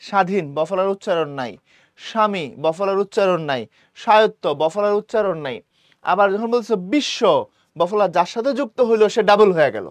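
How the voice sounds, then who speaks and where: A man's voice: sits high, dry recording. A young man teaching an exam-prep lesson, speaking colloquially, repeating key points and often checking that students understand.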